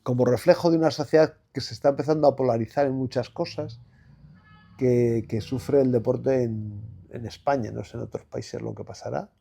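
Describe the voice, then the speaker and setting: In a laid-back conversational interview, a former basketball player in his sixties with a Madrid Spanish accent reminisces in a rambling way, full of fillers and restarts. His medium-pitched voice is creaky and dark with a breathy edge, fairly even in intonation, at a moderate pace.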